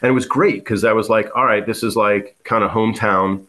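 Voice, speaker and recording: A man's voice: lowish voice, fairly even intonation, brisk, pushed and bright. A man, a guest musician telling stories in a casual interview, rambling with many fillers and restarts. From South Florida.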